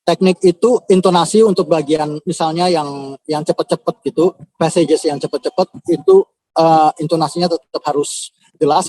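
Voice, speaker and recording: A man's voice: a little high, darkish tone, no echo. A man, a composer, answering viewers' questions on a live video call in a casual, hesitant way with many filler sounds. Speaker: composer and audition host.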